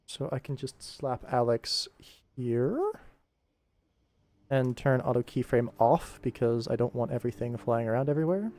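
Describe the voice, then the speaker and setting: A young adult animator streams his work and chats casually, rambling in a jokey, self-deprecating way. His mid-range voice has a dark tone and moderate pace, with background music playing.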